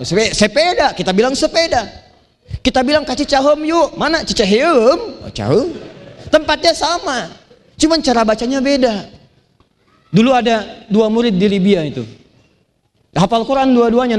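High-voiced male preacher. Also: normal speed. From Banten, Indonesia. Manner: lively storytelling, chanting Quranic verses. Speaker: Islamic preacher. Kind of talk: sermon to a live audience.

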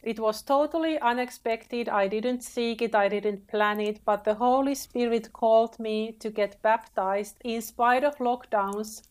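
A woman's voice: a little high, steady tone, smooth. A woman from Finland, a podcast guest sharing her faith story in earnest conversation. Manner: earnest, unhurried, with frequent fillers and restarts.

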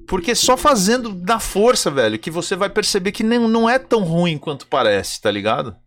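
A Brazilian man chatting casually as a host, telling animated stories full of slang and acting out what people said. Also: high-pitched, a little fast. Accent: Brazilian Portuguese. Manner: animated storyteller, slangy, acts out dialogue. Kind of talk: casual chat.

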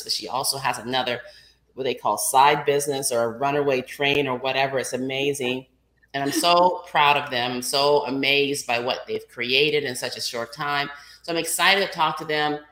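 A woman with a low voice and a bright, forceful edge hosts a podcast with gushing enthusiasm. She sounds like she is in an echoey room, with faint music underneath. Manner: effusive and enthusiastic. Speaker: podcast host. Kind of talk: casual interview chat.

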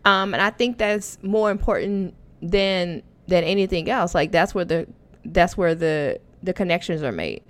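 Appearing as a podcast guest, a photography educator and conference founder chats informally, working through her thoughts out loud and repeating "you know" and "like." She has a lowish, animated voice at a normal speed.

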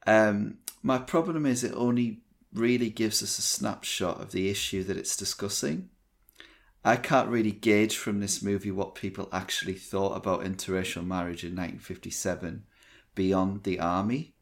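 Man, low voice, casual film chat, measured and critical, hesitant. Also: steady tone, gravelly. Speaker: podcast co-host.

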